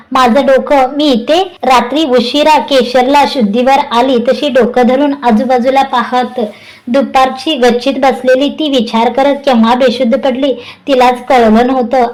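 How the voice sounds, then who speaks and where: A woman reading a serialized story aloud in steady storybook narration. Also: high voice, poor audio.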